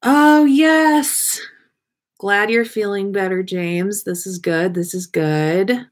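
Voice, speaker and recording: On a webcam livestream, a woman hosting a casual podcast chats with viewers, playful and rambling as she thinks aloud. Her voice sits in the mid-range and moves slowly.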